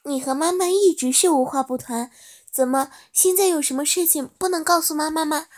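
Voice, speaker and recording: A woman's voice: high voice, brisk, pitched above the performer's own voice, natural voice. A woman voicing a caring, worried widowed mother in a storybook reading, speaking in a coaxing way. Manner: warm, coaxing, concerned.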